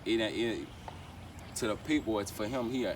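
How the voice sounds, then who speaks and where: Speaking at a moderate pace in a fairly low voice, a young rapper gives a casual, slang-heavy interview. He rambles, repeats himself, and leans on "you know what I'm saying," and clear outdoor traffic comes through the distant microphone.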